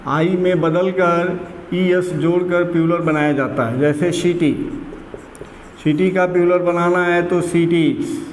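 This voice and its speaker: A man with a slightly high voice teaches grammar at a very slow, deliberate pace, repeating key words over and over. His voice rings through a roomy space with a long reverb tail. Faint room noise sits behind him. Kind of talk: classroom grammar lesson.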